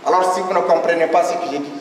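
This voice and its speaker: A man's voice: fairly high pitch, steady tone, fast, heavy background noise. A young man from Niger with a Nigerien French accent, performing slam poetry in a rhythmic, declamatory cadence on stage. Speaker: slam poet. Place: stage at an evening show. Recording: echoey hall from far off.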